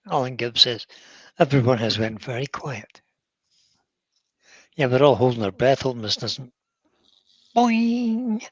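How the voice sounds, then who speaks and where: A man with a mid-pitched voice reads out viewer comments on a live-stream call and teases the others with dry asides. His audio is dull and lo-fi, with a close, dry sound. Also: measured pace, long pauses, fairly bright tone, breathy edge, dry recording. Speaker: co-host reading viewer comments. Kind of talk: casual live-stream chat.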